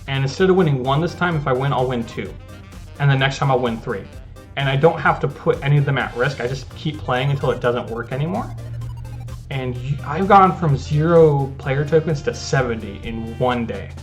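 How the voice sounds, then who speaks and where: A gaming channel host, an easygoing man, gives casual commentary over his gameplay at normal speed. His middle-pitched voice rambles, interrupts itself and circles back, with soft game music faintly beneath.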